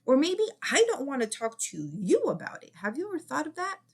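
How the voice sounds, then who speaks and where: A middle-aged woman, a former child therapist, giving casual advice in an earnest, repetitive way that often drops to a soft whisper. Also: sits high, wildly swooping pitch, a little fast. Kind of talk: casual advice talk to camera.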